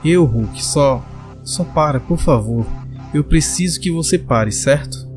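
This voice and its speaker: Guy reading as a nervous young lady reporter, halting, pleading, soft music under. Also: fairly high pitch, lively intonation. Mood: frightened. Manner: pleading, hesitant. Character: frightened young female journalist, earnest.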